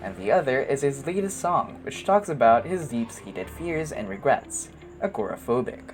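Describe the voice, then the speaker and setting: Very low-voiced, lively woman narrator. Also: normal speed, music in the background. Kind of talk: scripted documentary narration.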